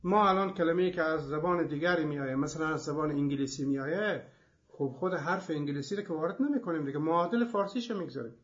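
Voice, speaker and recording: A man's voice: fairly high pitch, fairly bright tone. A man hosting a language programme, giving an explanatory lecture in a methodical way with many examples. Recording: dull lo-fi recording.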